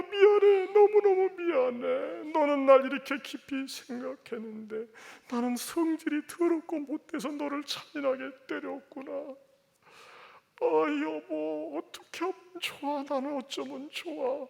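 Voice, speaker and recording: A man voicing a quick-tempered father who scolds his son and then weeps with remorse. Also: very high voice, fairly even intonation, creaky, in a large hall, pitched above the performer's own voice, full character voice. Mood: sobbing. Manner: shouting and sobbing, raw.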